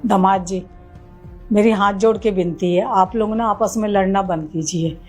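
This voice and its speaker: A woman's voice: mid-range voice, fairly even intonation, normal speed, soft background music, close to an everyday voice. A woman playing a meek, pleading mother-in-law. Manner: soft, pleading, apologetic. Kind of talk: amateur family drama skit.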